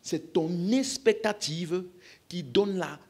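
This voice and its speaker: A man's voice: high-pitched, slow pace, a little mellow, slightly rough. A man with a French accent preaching a healing-service sermon, emphatically calling out questions to the congregation.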